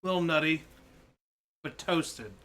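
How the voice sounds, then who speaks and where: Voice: medium pitch, takes it slowly, a bit bright. A co-host of a game stream chatting casually and cracking dry jokes. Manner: dry wisecracks. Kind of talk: casual chat.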